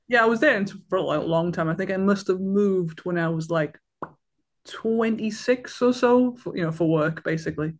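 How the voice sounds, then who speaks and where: A Welsh man in his thirties, appearing as a guest, chats casually and rambles with fillers and restarts. His voice is high-pitched and moves at a normal pace.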